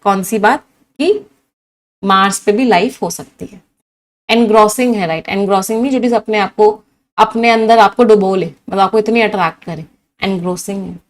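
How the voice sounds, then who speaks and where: At a moderate pace and mid-range pitch, a woman runs a live online English vocabulary class, mixing Hindi and English. She's lively, rattling off synonym after synonym and quizzing her students.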